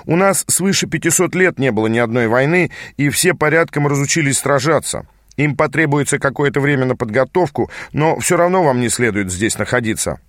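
A man's voice: mid-range voice, animated, a little fast, dry recording, studio quality, pitched above the performer's own voice, lightly acted. A man voicing a lazy, insolent young man, an officer's son, drawling in an audiobook reading.

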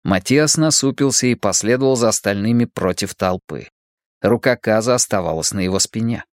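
A man narrating a fiction audiobook with steady, measured storytelling. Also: lowish voice, dry recording, clean studio sound.

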